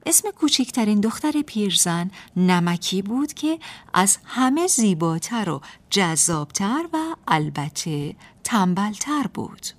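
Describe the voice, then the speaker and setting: A woman narrating a folk tale for a radio program, in a lively storyteller's manner. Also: mid-range voice.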